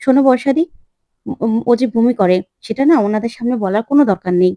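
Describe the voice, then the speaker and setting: A woman voicing a calm, protective young woman in a retold TV serial, giving soothing but firm advice. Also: a little high, fast, no room sound, close to an everyday voice. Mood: reassuring.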